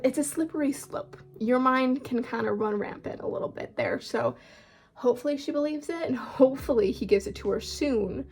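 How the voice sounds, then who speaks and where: A woman's voice: high voice, moderate pace, darkish tone, soft background music. A young woman, rambling casually through a storytime chat at home, with lots of filler words and swearing. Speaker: book vlogger.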